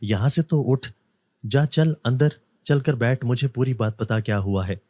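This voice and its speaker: Guy putting on a kind neighbor lady coaxing her friend, a bit higher than his usual, dry close sound. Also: unhurried, darkish tone, no room sound, natural voice. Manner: soothing, coaxing. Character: caring neighbor woman, soothing.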